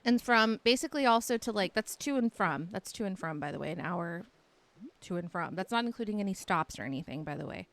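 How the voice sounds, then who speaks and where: Over a dry recording, a young Texan woman with a light accent chats casually with her livestream viewers in a fairly low, creaky, expressive voice. She talks briskly and rambles, filling gaps with lots of "like."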